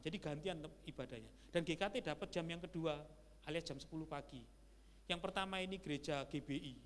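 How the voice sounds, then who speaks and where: A male pastor preaching a sermon in a conversational style, with lively asides to the congregation. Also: high-pitched. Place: church sanctuary. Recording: church hall reverb with faint hum.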